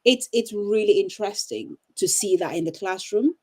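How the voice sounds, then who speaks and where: A middle-aged woman from Cameroon, a teacher and coach, answering interview questions thoughtfully with frequent pauses and restarts over a video call. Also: mid-range voice, expressive, darkish tone.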